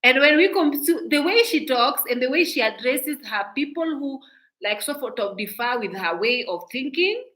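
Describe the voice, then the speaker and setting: A woman's voice: high voice, fairly bright tone, low-quality recording. A Kenyan woman giving outspoken, indignant reaction commentary as a vlogger, often restarting her sentences.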